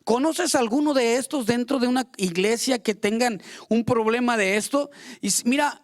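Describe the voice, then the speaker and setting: A man's voice: extremely high pitch, normal speed. A man preaching a fervent sermon as pastor, acting out quoted prayers and complaints.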